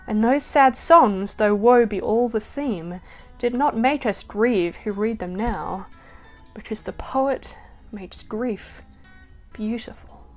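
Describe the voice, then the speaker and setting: Soft-spoken woman reading poetry over guitar. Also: on the high side. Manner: slow, soft reading that trails off at line ends. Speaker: poetry reader. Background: soft acoustic guitar music.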